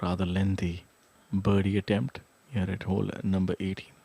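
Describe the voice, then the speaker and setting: A man giving live golf commentary in a measured, hesitant way, pausing often as he goes. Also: deep voice, little pitch movement, vocal fry, mellow. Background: whirring drone blades, outdoor ambience.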